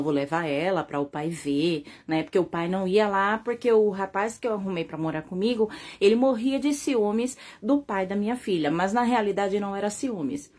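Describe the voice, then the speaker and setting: This Brazilian-accented mother speaks in a mid-range, slightly mellow voice, giving an earnest first-person testimony about her family. She addresses her viewers directly and checks in with frequent tag questions.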